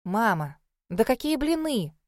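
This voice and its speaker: A woman's voice: fairly high pitch, sing-song, unhurried, no echo, studio quality. A woman voicing an irritated, embarrassed young bride who pleads and protests. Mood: exasperated.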